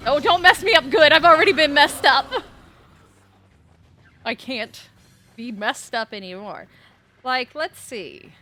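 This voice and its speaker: A woman streaming a speedrun, talking to chat, swinging from frantic yelling to deadpan muttering. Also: high voice, measured pace, long pauses, a little hiss or hum. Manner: excitable, shifts between frantic yelling and deadpan mumbling.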